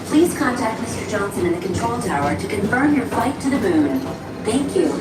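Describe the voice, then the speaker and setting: A woman gives a calm, polite, scripted announcement as a recorded loudspeaker message on a theme park ride. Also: fairly high pitch, normal speed. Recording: echoey loudspeaker from far off with loud ride noise.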